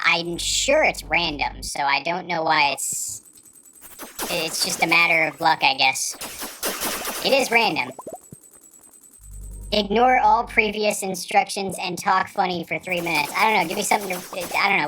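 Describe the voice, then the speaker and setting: A male streamer chatting casually and reading viewer comments aloud, his voice run through a pitched-up chipmunk voice filter. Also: moderate pace, background noise. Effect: chipmunk pitch-shift voice filter. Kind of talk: casual livestream chat.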